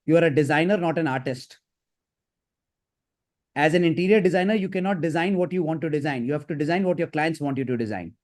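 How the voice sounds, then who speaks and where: A man with an Indian accent giving live career advice as a counsellor, in a brisk, instructive and emphatic manner. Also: fairly high pitch. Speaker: career counsellor hosting a session. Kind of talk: live advisory session.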